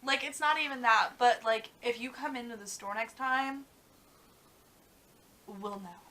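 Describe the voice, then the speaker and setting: Young woman rambling in a casual vlog chat, bright voice, lots of fillers. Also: a little high, a little slow, poor audio. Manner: chatty, many "like" fillers, trails off. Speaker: vlog co-host.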